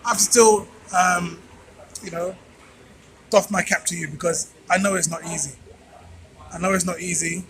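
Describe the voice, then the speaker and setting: A man's voice: high-pitched, fairly even intonation, unhurried, pauses often, background noise. A man vlogging informally to his viewers, speaking emphatically like a preacher and repeating phrases for effect. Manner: emphatic, preacher-like address with rhetorical repetition. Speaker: vlogger and channel host. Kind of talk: informal motivational monologue to viewers. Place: out on a street at night.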